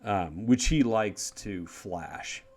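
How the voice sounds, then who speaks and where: A man's voice: on the low side, very slow, darkish tone, faint music behind. A man narrating as game master of a tabletop game, talking in a loose, rambling way. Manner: rambling, full of fillers and restarts.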